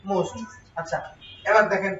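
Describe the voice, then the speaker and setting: A man's voice: high-pitched, fairly even intonation, brisk, bright, forceful tone. A man teaching a grammar lesson to a class, asking questions and answering them himself. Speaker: exam prep teacher. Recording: roomy, distant, dull lo-fi sound with faint noise.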